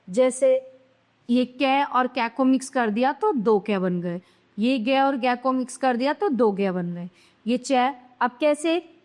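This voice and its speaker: High-pitched lady teacher going through the alphabet letter by letter, nice and slow. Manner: slow, spells out each letter one by one; checks in with "theek hai". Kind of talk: grammar lesson.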